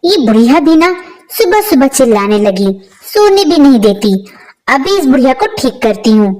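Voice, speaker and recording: A woman's voice: high-pitched, expressive, moderate pace. A woman voicing a rude young wife who is secretly a witch in a storybook tale, mocking and defiant. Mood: insolent. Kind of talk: storybook character voice.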